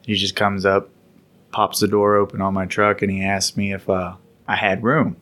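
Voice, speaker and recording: A laid-back man spinning a long story from his service days. His voice sits fairly low, and he rambles along in an easy, conversational way. It has the feel of a podcast chat. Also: flat delivery, normal speed, a bit bright. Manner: laid-back, rambling, laughs while telling. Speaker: podcast co-host recounting military service. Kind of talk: casual storytelling.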